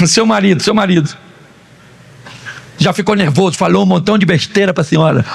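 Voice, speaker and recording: A man, cracking jokes and acting out little scenes. His voice sits high for a man and has a gravelly, fry-laden texture. He speaks in a lively, storytelling way. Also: fairly quick. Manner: animated, joking storytelling with acted-out quotes. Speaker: pastor. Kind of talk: humorous sermon.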